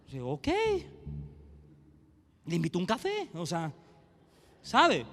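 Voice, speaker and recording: A man preaching a sermon as pastor, dropping to quiet asides and rising to shouted passages. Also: a little high, wildly swooping pitch, slow pace, creaky. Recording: long hall reverb, faint music behind.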